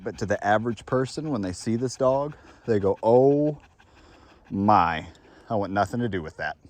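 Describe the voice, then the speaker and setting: A dog trainer who runs a kennel speaks off the cuff outdoors in a low, somewhat dark voice. His talk is casual and blunt, wandering along with plenty of filler words.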